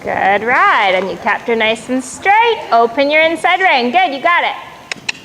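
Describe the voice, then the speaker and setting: High-pitched woman calling brisk riding commands. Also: animated, sharp tone, slight background noise, rough recording. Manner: encouraging, praising the rider. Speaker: horse riding coach. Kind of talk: live riding lesson instruction. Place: riding arena.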